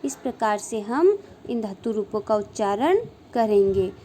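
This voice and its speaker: A woman teacher slowly reciting verb forms in a measured grammar lesson. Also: mid-range voice, animated, mellow, a little hiss or hum.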